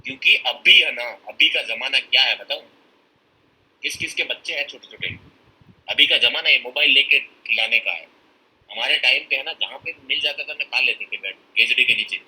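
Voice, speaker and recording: A man delivers a motivational seminar talk in a bright, forceful, strained voice with a husky edge. He speaks bluntly and with emphasis, and he acts out the excuses people give him. English phrases slip into his talk as he speaks. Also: medium pitch, moderate pace, low-quality recording.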